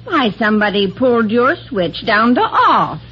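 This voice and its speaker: A woman's voice: a little high, big pitch swings, normal speed, husky, full character voice. An actress playing a friendly, chatty neighbor lady in 1950s radio style. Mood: helpful. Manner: helpful, homely chatter. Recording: dull old radio broadcast with hiss.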